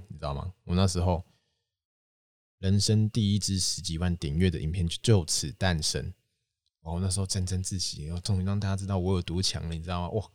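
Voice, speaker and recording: Young man, Taiwanese Mandarin accent, lowish voice, dry close sound, lively storytelling monologue. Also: no echo. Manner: animated storytelling, bursts high when reenacting his younger self. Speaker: podcast host.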